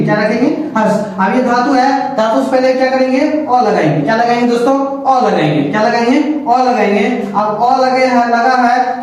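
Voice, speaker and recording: A male teacher giving a grammar lesson who keeps asking the class a question and then answering it himself, sometimes dictating slowly word by word. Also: very high voice. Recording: very echoey room, mic far off.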